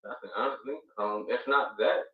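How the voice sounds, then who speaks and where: A man joins a live stream as a DJ guest, chatting in a laid-back way, swearing and hyping up the show. His voice sits at medium pitch and moderate pace, picked up by a distant, roomy mic that sounds dull.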